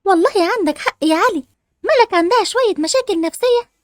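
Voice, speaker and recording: A woman doing a chirpy, high Egyptian teen girl. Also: expressive, fast, dry recording, studio quality. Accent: Egyptian Arabic. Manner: chirpy, upbeat. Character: cheerful, cool-headed teen girl.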